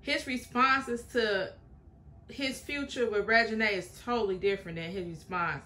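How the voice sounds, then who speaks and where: A young woman with a medium-pitched, sharp-toned voice talks at a normal speed. She hosts a reaction video, chatting frankly to her viewers and offering strong opinions in casual commentary.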